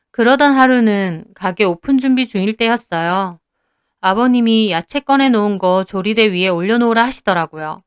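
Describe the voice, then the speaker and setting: A woman's voice: medium pitch, clear, resonant tone, no echo, clean studio sound. A young woman narrating her own story in the first person, in a plain confessional way.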